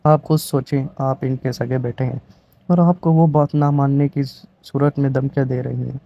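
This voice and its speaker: A sly, headstrong orphaned young woman from a romance story, as a male reader puts her on. She pleads and protests with a dramatic flair. The voice sits at a middling pitch, and the recording sounds a little dull. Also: fairly even intonation, gravelly, natural voice. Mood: pleading.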